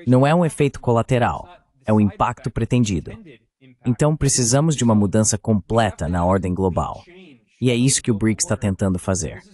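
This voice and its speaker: In a dubbed voice-over of a political interview, a man plays a guest geopolitical analyst, making his points emphatically and argumentatively. His voice is low-ish and mellow, and he talks fairly quickly.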